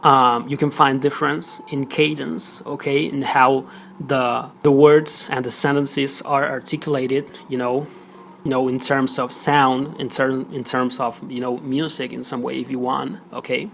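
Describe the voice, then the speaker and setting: Creaky-voiced male teacher explaining. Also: mid-range voice, flat delivery, measured pace, a bit bright, slight background noise. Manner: explanatory, many fillers and check-ins like "okay?". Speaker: Spanish teacher. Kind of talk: recorded audio lesson.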